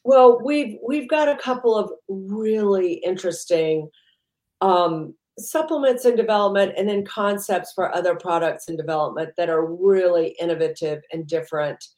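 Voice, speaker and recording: A woman with a lowish voice chats loosely as an interview guest, circling her points and filling gaps with "you know". The recording has a noticeable roomy echo. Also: moderate pace, darkish tone. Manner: rambling, heavy use of "you know". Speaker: entrepreneur guest. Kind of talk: casual interview chat.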